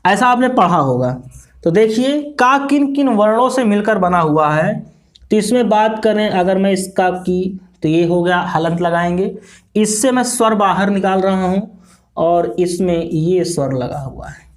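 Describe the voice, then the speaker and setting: A man from India with an Indian accent teaching a grammar lesson, repeating phrases slowly as he writes and asking and answering his own questions. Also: sits high, expressive. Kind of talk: classroom grammar lesson at a board.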